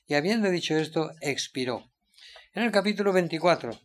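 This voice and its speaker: Guy reading the bible out loud, slow and careful, kinda high voice. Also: lively intonation. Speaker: preacher reading scripture.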